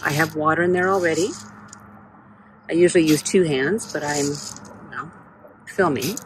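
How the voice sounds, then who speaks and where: At a moderate pace, a woman narrates a casual first-person vlog from her backyard chicken run, chatting away and addressing her hens in a high, playful voice. She stays off screen behind a handheld phone, and the rough recording has a faint hiss or hum.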